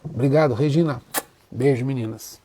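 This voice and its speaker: Brazilian man, spiritual teacher speaking live, moved and earnest, mellow tone. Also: medium pitch, normal speed, slight background noise. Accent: Brazilian Portuguese. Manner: emotional, openly moved, speaks with feeling. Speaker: Umbanda priest and teacher. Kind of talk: heartfelt live talk to viewers.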